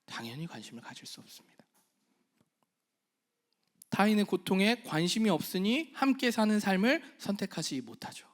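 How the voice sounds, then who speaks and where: A male pastor preaching a sermon, asking the congregation questions and answering them himself, moving between soft half-whispered phrases and loud, slow emphasis. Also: high voice, very animated. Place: church hall.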